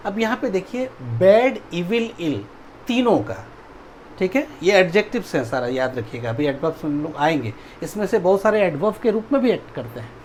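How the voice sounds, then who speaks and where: A man's voice: high voice, slight background noise. A male teacher giving a grammar video lecture, spelling words out letter by letter and often asking whether the class has understood. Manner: keeps checking understanding with "ठीक है" and "समझ में आया?".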